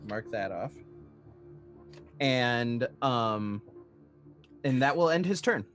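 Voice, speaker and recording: A man's voice: medium pitch, expressive, takes it slowly, fairly bright tone. A man playing a tabletop game, chatting casually and hesitantly as he thinks his moves through aloud. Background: music.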